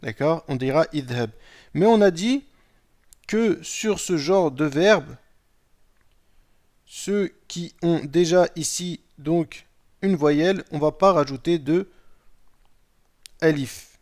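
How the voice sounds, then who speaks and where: Slow, patient man teaching Arabic grammar. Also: on the high side, darkish tone. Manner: patient, explains step by step, often asks "d'accord?"; reads Arabic sentences aloud, then translates them. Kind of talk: recorded lesson explaining Arabic grammar.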